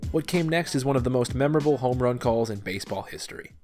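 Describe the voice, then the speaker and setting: A man's voice: medium pitch, lively intonation, quick pace, over music. A man hosting and narrating a sports video from a script. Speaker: video host and baseball fan narrator.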